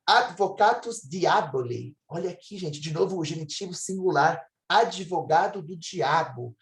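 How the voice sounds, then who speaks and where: A man's voice: on the high side, lively intonation, measured pace. A man with a Brazilian Portuguese accent giving an enthusiastic recorded lecture as a Latin teacher, drawing out his model pronunciations. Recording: echoey room.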